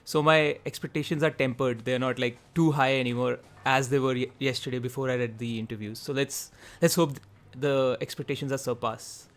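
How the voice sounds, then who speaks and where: A man's voice: mid-range voice, steady tone. Chatty man thinking aloud over gameplay. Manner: quick talker. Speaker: gaming video host. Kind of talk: gameplay commentary.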